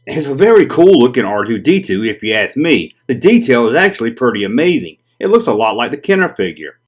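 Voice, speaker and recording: Hosting a collector video, a Japanese-native man talks casually about strange vintage toys, cracking jokes as he goes. He has a mid-range voice, speaks a little fast, and comes across as animated and chatty on his toy collector channel.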